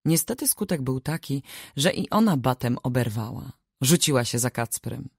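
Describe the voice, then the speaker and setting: Woman reading an audiobook, measured and expressive, dry close mic. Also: extremely low pitch, breathy edge, no room sound. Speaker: audiobook narrator. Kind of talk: scripted narration.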